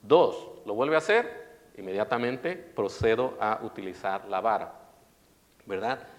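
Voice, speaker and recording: A man preaching a sermon in a lively way, often asking his congregation questions. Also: lowish voice, a little slow. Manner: animated, asks audience questions. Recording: long reverberant hall.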